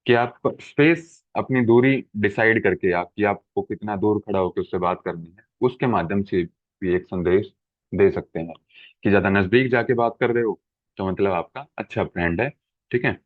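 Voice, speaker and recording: A man's voice: lowish voice, moderate pace, no room sound. A man teaching an exam-prep lecture, explaining with everyday examples and checking in often with his listeners. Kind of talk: classroom lecture. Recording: dry, phone-like narrow sound.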